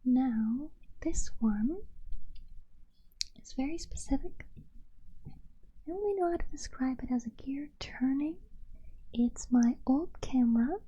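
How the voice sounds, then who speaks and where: Whispering woman, slow and close. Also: high voice, lively intonation, husky, dull audio. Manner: soft unvoiced whispering, close to the mic. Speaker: ASMR creator. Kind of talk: ASMR. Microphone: close mic.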